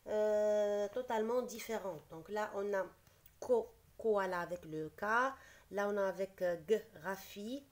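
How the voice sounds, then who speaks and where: Woman, schoolteacher, slow and deliberate, repeats every word for the class. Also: medium pitch, dark tone. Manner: explains patiently, repeats each word, switches briefly into Arabic. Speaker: teacher. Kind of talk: slow spelling lesson, reading words aloud.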